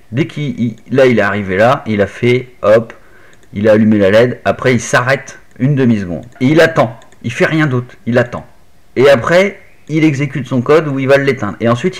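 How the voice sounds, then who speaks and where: A man casually walking the viewer through a hands-on electronics tutorial, step by step, with little fillers like "hop" and "tac". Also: medium pitch. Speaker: maker explaining an Arduino project. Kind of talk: casual screen-recorded tutorial.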